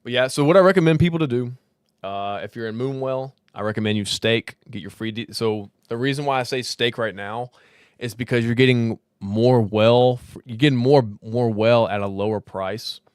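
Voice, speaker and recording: A man's voice: mid-range voice, moderate pace, clear, resonant tone, no room sound, clean studio sound. A man hosting a casual crypto livestream, slightly tipsy and slurring, rambling, swearing and laughing as he chats. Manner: loose, rambling, swears freely, laughs often.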